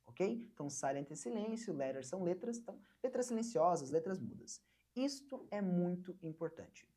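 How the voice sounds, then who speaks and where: A young woman from Brazil teaching an online English lesson, patiently repeating words slowly for learners to copy. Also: lowish voice, mellow.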